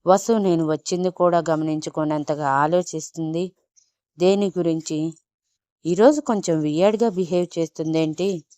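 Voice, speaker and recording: A woman voicing a young husband who gently coaxes and teases his wife in a spoken love story. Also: low-pitched, moderate pace, clean tone, dry recording, lightly acted. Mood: wondering. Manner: gentle, coaxing, playful. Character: young husband, tender and teasing.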